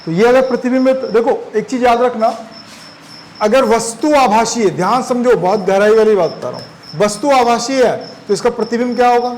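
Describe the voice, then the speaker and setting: A man's voice: very high voice, slight background noise, low-quality recording. A man teaching a physics class, chatty and constantly quizzing his students. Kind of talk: classroom lecture.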